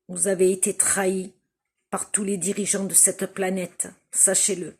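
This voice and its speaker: Slow, husky Algerian-born woman. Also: medium pitch, a little mellow. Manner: slow, emphatic, repeats phrases for stress. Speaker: vlogger addressing viewers. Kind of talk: impassioned spoken appeal to camera.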